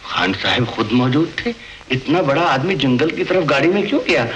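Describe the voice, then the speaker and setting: An actor playing a nervous, fawning middle-aged underling who stammers and keeps saying "yes sir", in 1950s film acting. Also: male voice, a little high, a little fast, highs cut off, slight background noise, natural voice. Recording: old film soundtrack with loud music.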